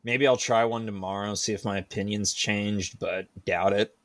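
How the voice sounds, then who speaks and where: A man's voice: lowish voice, fairly even intonation, normal speed, a bit bright. A man co-hosting a podcast, chatting casually in a wry, rambling way. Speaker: podcast co-host. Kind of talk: casual banter.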